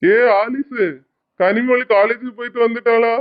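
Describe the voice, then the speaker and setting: A gruff farmer father with a Kanyakumari accent. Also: very high-pitched, fairly even intonation, normal speed. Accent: Kanyakumari Tamil. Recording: muffled lo-fi audio.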